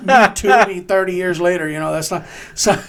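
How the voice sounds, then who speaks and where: Profane, laughing veteran storyteller, gravelly. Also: male voice, high-pitched, normal speed. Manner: profane, laughing, acts out shouted quotes. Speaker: podcast co-host, army veteran. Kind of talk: casual storytelling chat.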